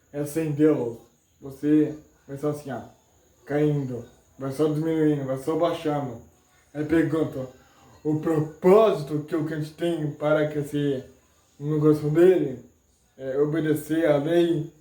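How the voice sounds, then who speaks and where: A man preaching an informal sermon, retelling Bible stories in a halting way with many fillers and restarts. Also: fairly high pitch, mellow. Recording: echoey room.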